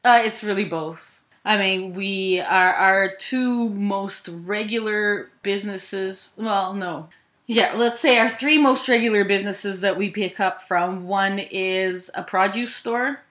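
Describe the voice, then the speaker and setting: A woman from Ukraine, a volunteer, answering interview questions thoughtfully, pausing with "uh" and correcting herself as she goes. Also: mid-range voice, fairly bright tone. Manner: thoughtful, with frequent "uh" and self-corrections. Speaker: volunteer with a food sharing group.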